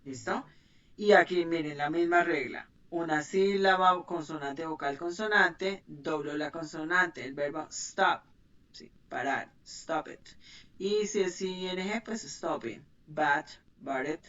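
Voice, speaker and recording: A woman's voice: deep voice, slow, a bit bright. A woman teaching an online English class, explaining grammar patiently and checking that students follow. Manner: patient, checks understanding with "¿sí?" and "¿listo?". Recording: muffled, distant mic.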